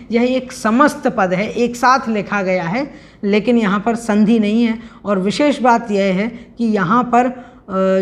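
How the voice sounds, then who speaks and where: A woman teaches a recorded scripture lesson at a patient, explanatory pace. Her voice sits a little high for a woman. She chants verses slowly and drills each pronunciation with care. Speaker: teacher of a religious scripture class.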